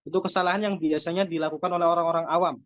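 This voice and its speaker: An Indonesian man teaching Quran recitation rules, explaining step by step and then reciting slow, drawn-out examples. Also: fairly high pitch, fairly even intonation, a bit bright, dry recording. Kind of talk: tajwid lesson with recited examples. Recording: dull, dry lo-fi recording.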